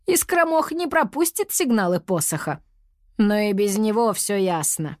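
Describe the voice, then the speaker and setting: Сказочный персонаж: женщина озвучивает ворчливого наставника-мужчину, поучает, интонация подвижная, запись сухая. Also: female voice, mid-range voice, animated, moderate pace, dry recording, studio quality, close to an everyday voice. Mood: earnest. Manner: lecturing, grumbling. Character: fussy preachy male mentor, grumbling. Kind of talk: storybook character voice.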